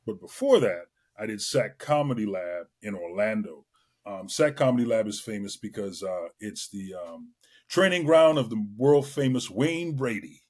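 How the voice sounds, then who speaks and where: A middle-aged man from Trinidad and Tobago, a guest entertainer telling his career story in a lively way, with many fillers. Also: lowish voice, moderate pace. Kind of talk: casual interview chat.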